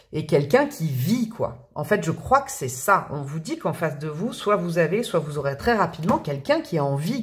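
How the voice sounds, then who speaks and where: Woman tarot reader, chatty and rambling, casual delivery to viewers. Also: medium pitch. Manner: chatty, thinking aloud with many fillers and restarts.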